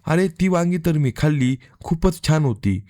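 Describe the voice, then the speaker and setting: A man's voice: fairly high pitch, expressive, moderate pace, mellow, no room sound, clean studio sound, lightly acted. A man reading the lines of a secretive sister-in-law who talks in a breezy, offhand way. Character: sister-in-law, secretive woman, sweet on the surface.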